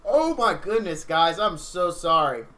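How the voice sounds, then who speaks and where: A man's voice: a little high, sing-song, a little slow, pushed and bright, faint music behind. A tired man streaming a video game, chatting casually and rambling to his viewers. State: tired, yawning.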